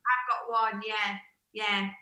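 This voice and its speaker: A woman guesting on a live podcast, soft-spoken and laughing easily. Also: medium pitch, fairly even intonation, slow pace. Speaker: guest singer. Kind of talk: casual live-stream chat. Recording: roomy remote call.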